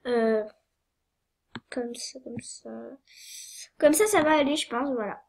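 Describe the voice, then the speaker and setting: Speaking slowly in a slightly high, somewhat dark voice, this young tutorial maker is sniffly from a cold. She narrates a screen-recorded game tutorial hesitantly, with plenty of filler words and apologies.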